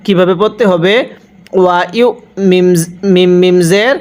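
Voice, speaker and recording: A Bangladeshi man teaching Quran reading, with a smooth, resonant voice pitched fairly high. He spells out each letter slowly, stretches the recited words, and has the listeners repeat after him. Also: fairly even intonation, darkish tone. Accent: Bangladeshi Bengali.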